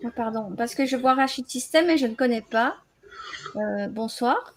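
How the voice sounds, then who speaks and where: A woman hosting a casual open-line radio show, speaking haltingly and repeating words as she searches for them. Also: a little high. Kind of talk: casual live chat.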